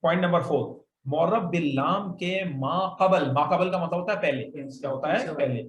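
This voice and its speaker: A man's voice: a little high, normal speed. A male Arabic grammar teacher who patiently explains the rules and has his students repeat words back to him. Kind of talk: classroom lesson with call-and-response drills. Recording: echoey room, faint noise.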